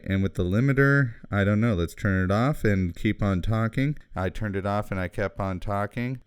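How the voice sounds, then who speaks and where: A man's voice: low-pitched, clean tone, no echo, clean studio sound. A man hosting a casual audio gear demo, thinking aloud in a loose, chatty way. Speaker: host.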